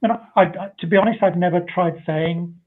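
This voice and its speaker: A man's voice: sits high, fast. A chatty man telling anecdotes on a live-stream panel over a video call. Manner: chatty storyteller who acts out voices in quotes. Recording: tinny phone-like audio.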